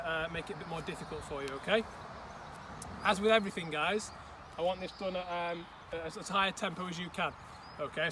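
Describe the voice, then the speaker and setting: A male football coach with a high voice gives instructions outdoors, constantly repeating "okay" and "all right." Occasionally breathless, he's captured on a distant mic on an outdoor pitch amid outdoor noise.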